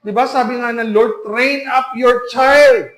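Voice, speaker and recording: A man's voice: extremely high pitch, fairly even intonation, slow, fairly bright tone, roomy sound. A man preaching an emphatic sermon as pastor, full of rhetorical questions to the congregation. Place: church hall.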